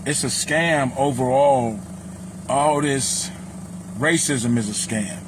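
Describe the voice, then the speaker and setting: A man's voice: mid-range voice, slow, noisy background. A man with a Chicago accent hosting a casual livestream, blunt and preachy, speaking straight to his viewers. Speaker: livestream host.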